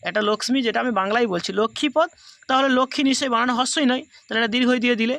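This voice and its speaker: A man's voice: extremely high pitch, bright, forceful tone, no room sound. A man teaching a grammar class, explaining the rules patiently and going over each step again. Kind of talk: recorded class lesson.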